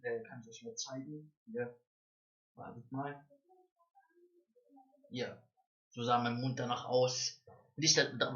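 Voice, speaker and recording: A young man talks straight to camera in a loose, rambling way, dropping to a mumble one moment and getting loud and excited the next. His voice sits in an ordinary middle range. The recording is dull and lo-fi. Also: medium pitch. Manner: rambling, swings between mumbled asides and loud excited bursts. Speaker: vlogger. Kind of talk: casual storytelling to camera.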